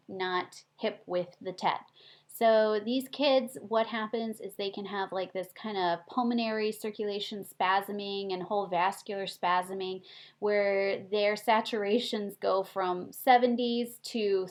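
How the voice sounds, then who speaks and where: Chatty woman giving a nursing lecture. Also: mid-range voice. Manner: animated, chatty teaching with rhetorical questions. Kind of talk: recorded classroom lecture.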